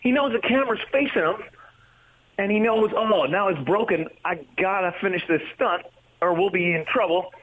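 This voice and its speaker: A comedian and actor appears as a guest on a casual radio interview, speaking in a high, slightly bright voice at a moderate pace. He jokes at his own expense and acts out his stories as he tells animated anecdotes. The recording quality is low.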